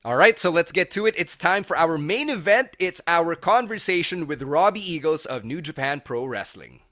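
A man's voice: fairly high pitch, animated, moderate pace, bright, forceful tone. A man, hosting a casual podcast interview. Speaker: podcast host.

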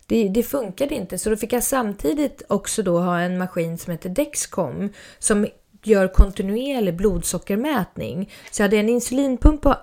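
A woman's voice: medium pitch, darkish tone. A young adult woman chatting casually about her own experiences, rambling with fillers and restarts. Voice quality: creaky. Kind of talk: casual personal storytelling.

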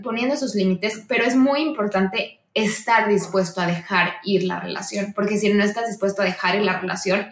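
A woman's voice: medium pitch, roomy sound. A woman with a Mexican accent, a podcast guest telling stories in casual conversation and acting out her own dialogue.

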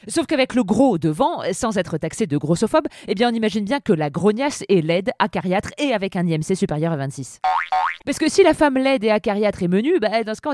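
A woman's voice: a little high, darkish tone, dry recording, studio quality. A woman hosting a podcast, delivering a scripted comic monologue in a sardonic, playful, teasing manner. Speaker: podcast host.

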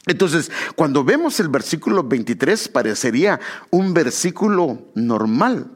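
A Guatemalan man preaching with a Guatemalan Spanish accent. His somewhat high voice swings up and down, and he keeps turning to his listeners as brothers. He often stops to correct himself mid-thought. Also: unhurried, breathy edge. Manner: animated, addresses listeners as brother, self-correcting. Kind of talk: sermon.

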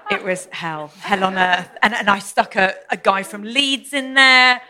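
A woman's voice: mid-range voice, unhurried, heavy background noise. A woman comedian and author telling a funny story on a live podcast. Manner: comic, laughing storyteller. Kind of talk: casual live podcast chat. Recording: live venue with audience.

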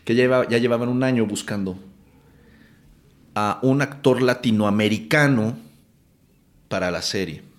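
Animated Mexican Spanish man. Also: medium pitch, a little slow, long pauses. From Mexico City. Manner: animated, acts out quotes, swears casually. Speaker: actor guest. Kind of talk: casual storytelling interview.

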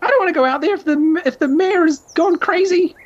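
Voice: very high voice, a little fast, dull audio, pitched above the performer's own voice. A game master voicing a frightened gecko villager who is hiding behind a door and is suspicious of visitors. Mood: nervous. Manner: nervous, suspicious, pleading.

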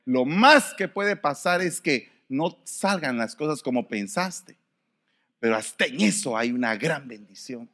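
Animated preaching man, wide-ranging voice. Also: medium pitch, unhurried. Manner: animated, swinging from soft to shouted. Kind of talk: sermon.

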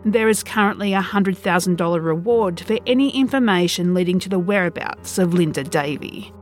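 A woman hosting a podcast, reading a scripted true crime narration in a measured, serious, suspenseful storytelling manner. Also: fairly low pitch, faint music behind.

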